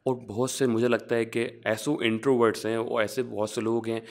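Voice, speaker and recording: A young man from Pakistan, a chartered accountant, talking in a relaxed interview and explaining things, often rephrasing as he goes. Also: mid-range voice, normal speed. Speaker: guest, qualified chartered accountant. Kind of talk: casual interview, mixing English phrases.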